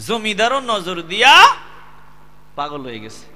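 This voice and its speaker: A man preaching a waz sermon, swinging between loud calls and low chanting. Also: big pitch swings, a little slow.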